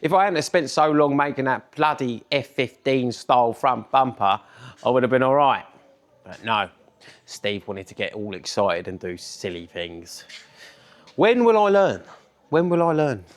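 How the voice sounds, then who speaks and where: A man's voice: medium pitch, moderate pace. A man talking through his car build in a casual workshop vlog, rambling and frank, swearing when things go wrong. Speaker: car builder filming his own project.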